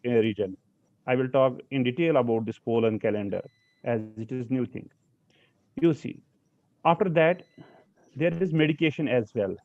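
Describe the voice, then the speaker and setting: Halting man lecturing over a video call. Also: mid-range voice, a little mellow, dry recording. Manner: halting, many fillers and restarts. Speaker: lecturer on pollen allergy. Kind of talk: online slide lecture. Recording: slightly dull video call audio.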